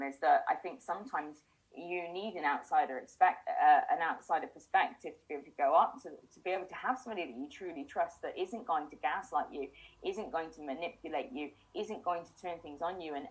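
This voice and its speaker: Low-voiced reflective woman. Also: poor audio. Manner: reflective, self-questioning, frequent restarts. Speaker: host. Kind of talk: casual chat.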